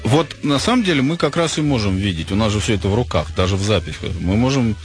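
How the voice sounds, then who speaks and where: A man's voice: lowish voice, lively intonation, quick pace. A man hosting live late-night radio, talking in a grandiose, mock-ceremonial announcing manner. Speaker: radio host. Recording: music playing behind the voice. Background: music.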